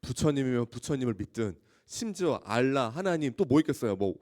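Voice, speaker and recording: A man preaching a sermon as a youth pastor to high school students, telling stories with lively exclamations and questions to the audience. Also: brisk. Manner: animated storytelling, often asking the audience questions; acts out scenes with loud exclamations.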